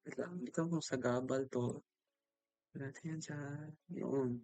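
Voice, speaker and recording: A man's voice: mid-range voice, steady tone, a little slow, a little mellow, dry recording. A young man with a Filipino accent, casually answering viewer comments on a livestream, apologetic and chatty as he switches between English and Tagalog. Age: young adult.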